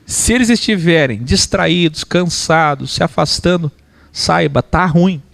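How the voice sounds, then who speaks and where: A man from Brazil teaching church teachers how to speak, lecturing in an animated way and mimicking preaching voices. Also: fairly high pitch, a little slow, gravelly, no room sound.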